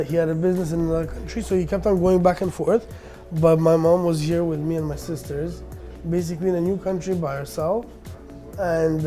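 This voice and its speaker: A business owner in his thirties, of Armenian background, born in Russia and raised in Canada, answers interview questions casually, hesitating with lots of fillers and restarts. His voice is a little high and warm.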